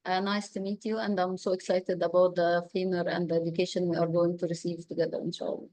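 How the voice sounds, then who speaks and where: A woman associate professor introducing herself quietly on a video call. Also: fairly low pitch, flat delivery, quick pace.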